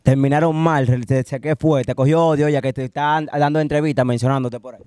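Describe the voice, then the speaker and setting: A man's voice: medium pitch, fairly even intonation, brisk, darkish tone, clean tone, dry recording. A man hosting a casual interview, prodding and teasing his guest with questions. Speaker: interview host.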